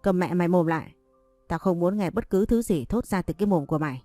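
A woman's voice: lowish voice, lively intonation, quick pace, mellow, dry recording, faint music behind, natural voice. A woman voicing an angry young man who curses and snarls in an audiobook story. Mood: furious. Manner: snarling, coarse.

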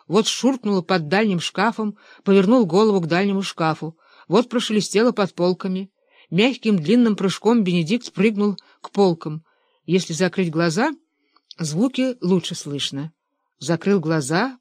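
A steady audiobook reader telling a story at middle pitch. The recording is dry and close, with no room sound. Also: no echo. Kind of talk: audiobook narration.

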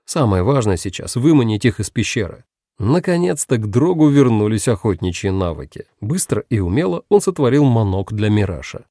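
Gravelly, expressive male audiobook narrator. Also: fairly low pitch, fairly quick, no room sound, studio quality. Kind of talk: scripted narration.

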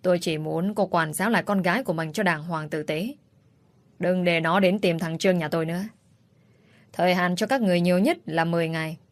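A woman voicing a haughty, sharp-tongued rich older woman who scolds with cold contempt in a storybook reading. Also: on the low side, brisk, lightly acted. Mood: scornful.

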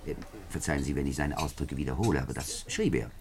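In a 1950s German radio drama, an actor with a very deep male voice plays a self-important, middle-aged French parliamentary deputy. He speaks pompously, deliberately, and with heavy emphasis.

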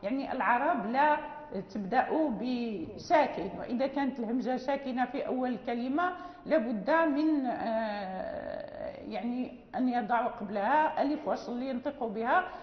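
A woman teaching a recitation class, speaking in a high voice with a patient, repetitive way of explaining. Her voice rings out in a roomy hall with a long reverb. The recording is dull and lo-fi. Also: lively intonation, normal speed. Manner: explains patiently, repeats words, many fillers. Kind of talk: classroom lecture. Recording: echoey hall, dull lo-fi sound.

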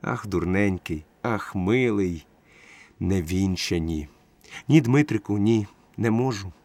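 Man doing a soft, restrained gentleman. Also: fairly low pitch, a little fast, no echo, lightly acted. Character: wry, soft-spoken man, tender and restrained. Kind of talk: audiobook character voice.

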